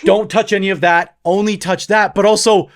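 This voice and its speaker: A man's voice: high voice, fairly even intonation, moderate pace. A man in his thirties co-hosting a podcast, telling a story in a casual chat and acting out the quotes as he laughs through it. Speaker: podcast co-host.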